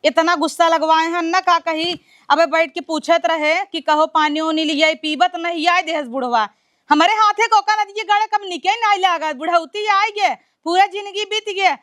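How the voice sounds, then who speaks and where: A woman with an Awadhi accent playing a sharp-tongued, cursing village mother-in-law in a comedy sketch. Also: very high-pitched, moderate pace, no echo, studio quality. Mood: scolding. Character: scolding old village mother-in-law under sixty.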